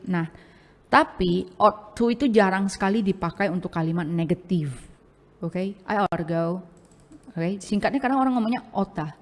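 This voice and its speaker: A woman with an Indonesian accent teaching English grammar in a casual, chatty way, sprinkling English into her explanations with many fillers like oke and ya. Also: lowish voice. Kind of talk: casual bilingual grammar lesson. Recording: long hall-like reverb.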